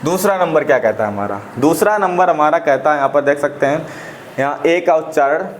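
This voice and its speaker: A man's voice: a little high, a little fast, slight background noise. Man drilling pronunciation. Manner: asks rhetorical questions and repeats answers. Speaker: English teacher. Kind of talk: step-by-step pronunciation lesson.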